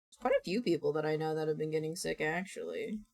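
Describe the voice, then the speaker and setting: A woman's voice: deep voice, fast, vocal fry, darkish tone. A woman streamer chatting casually with her viewers, playfully exasperated and swearing freely, her voice a little worn out. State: voice nearly gone from strain. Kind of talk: casual livestream chat with viewers.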